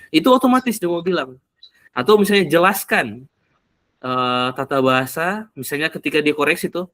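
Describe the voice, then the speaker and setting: A man explaining in casual talk, often pausing to search for words. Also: a little high, sharp tone, dry recording. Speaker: speaker explaining AI tools for learning English.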